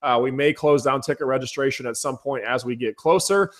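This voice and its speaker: Enthusiastic male webinar host. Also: fairly quick. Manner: energetic, enthusiastic pitch to viewers. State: losing his voice. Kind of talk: casual webinar chat.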